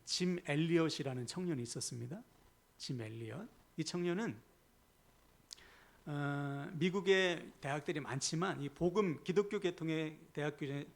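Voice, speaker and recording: A male pastor preaching a sermon in a church, speaking emphatically and putting questions to the congregation. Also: fairly high pitch. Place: church sanctuary.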